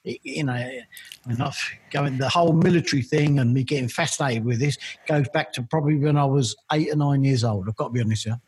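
A man's voice: medium pitch, brisk, darkish tone, a little hiss or hum. A middle-aged man from East London with a Cockney accent, chatting through long rambling stories as an interview guest. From East London, England. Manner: chatty, rambling, repeats "I've got to be honest". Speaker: interview guest, militaria collector. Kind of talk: casual storytelling interview.

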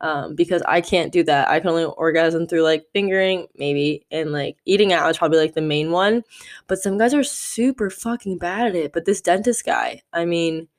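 A woman's voice: on the low side, moderate pace. A woman in her twenties hosting a solo podcast, talking candidly and rambling with lots of "like" fillers. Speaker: podcast host.

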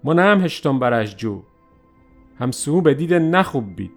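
A man narrating a first-person story in a lively, animated way. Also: fairly high pitch, soft background music.

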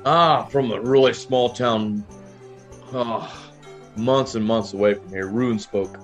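A man's voice: mid-range voice, takes it slowly, soft background music, natural voice. A man playing a friendly, rambling adventurer in a tabletop game, talking like a jovial town drunk. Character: friendly, rambling wandering adventurer, happily drinking in a tavern. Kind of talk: improvised tabletop role-play.

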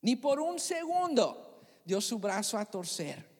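A pastor preaching a sermon in a church, expressive and dramatic, asking the congregation questions. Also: mid-range voice, slow, husky. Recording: long church hall reverb.

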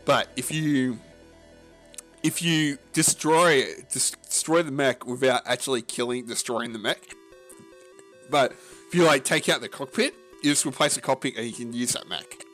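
A man co-hosting a casual gaming podcast, talking in a rambling, halting way full of fillers and restarts, with a casual, profane manner. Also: mid-range voice, fairly bright tone, soft background music. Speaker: podcast co-host.

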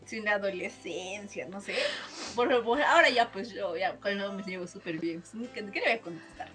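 A woman, co-hosting a podcast in animated, laughing casual chat. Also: medium pitch, fairly quick, faint music behind. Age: 20s. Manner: animated storytelling, laughs often. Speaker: podcast co-host.

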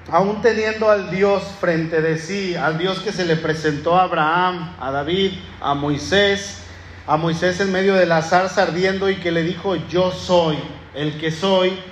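A man's voice: sits high, slight background noise. A male pastor preaching a sermon, calling out to his congregation as he reads and explains scripture. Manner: lively, calls out to the congregation. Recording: echoey hall with room ambience.

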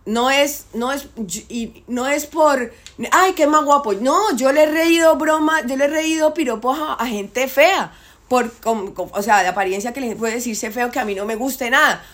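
Woman arguing her point hard, kinda high voice, keeps repeating herself. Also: moderate pace, fairly bright tone. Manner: emphatic, insistent, repeats herself. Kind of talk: casual debate.

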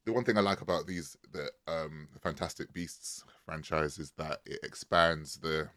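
A man's voice: very deep voice, steady tone, moderate pace, fairly bright tone, no echo, clean studio sound. A man hosting a casual film discussion, hesitating often with lots of filler words like um and like. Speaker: podcast host.

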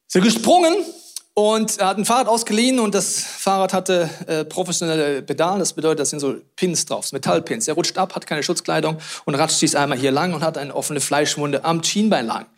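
Brief: middle-aged male preacher, high-pitched, animated sermon delivery swinging from hushed to loud. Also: fairly quick, hardly any pauses. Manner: animated storytelling with sudden loud outbursts and hushed asides.

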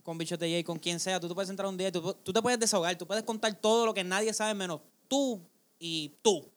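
A man's voice: high voice, a little fast. A man co-hosting a podcast in casual chat, sprinkling English fillers into his Spanish. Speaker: podcast co-host.

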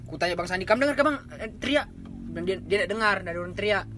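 Male storyteller, casual horror-podcast chat, high quick voice, repeats himself. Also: steady tone, pushed and bright, a little hiss or hum. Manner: rambling, slangy, repeats himself while describing. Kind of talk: casual chat, telling a camping ghost story.

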